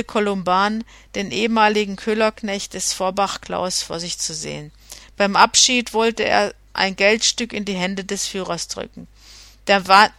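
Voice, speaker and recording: A woman's voice: mid-range voice, no echo. Woman reading an old novel aloud. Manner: steady reading with occasional slips and self-corrections. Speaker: audiobook reader. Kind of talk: literary audiobook narration.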